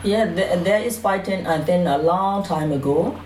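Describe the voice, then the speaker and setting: A woman from Burma's Karen community, a native Karen speaker with a Burmese accent, shares her personal story as an interview guest. Her low, mellow voice is plain and slightly hesitant and a little slow, and she often says "you know." The distant mic picks up roomy echo and faint noise.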